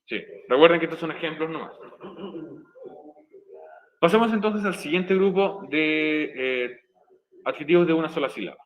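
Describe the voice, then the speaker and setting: A man's voice: a little high, moderate pace, pauses often, dull audio. A male English teacher, patiently explaining grammar step by step in a recorded online class. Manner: patient, repeats and spells out each step.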